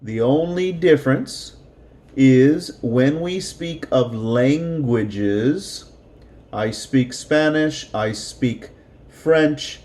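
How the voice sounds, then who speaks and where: A man teaching a slow, deliberate English lesson, repeating words clearly for learners. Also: medium pitch, mellow.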